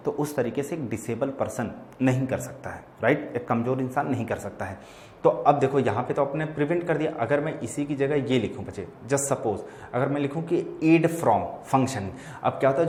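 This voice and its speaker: Male vocab teacher, exam-prep lesson, Hindi-English mix, talks to students as kids, average pitch, echoey room. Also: darkish tone, slight background noise. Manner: explains words in Hindi mixed with English, calls listeners "bachche"; keeps checking in with "theek hai?".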